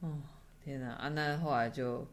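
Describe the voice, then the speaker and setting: A podcast host with a mid-range voice keeps a casual chat going. The host prompts the guest with short questions and reacts quickly to each turn. The delivery stays relaxed and conversational. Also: medium pitch, a crowd in the background.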